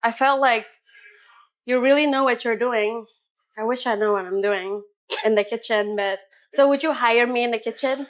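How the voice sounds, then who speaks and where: A woman's voice: fairly high pitch, moderate pace. A young woman hosting a vlog, chatting playfully with a chef and asking curious questions. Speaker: vlog host. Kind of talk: casual chat. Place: restaurant kitchen.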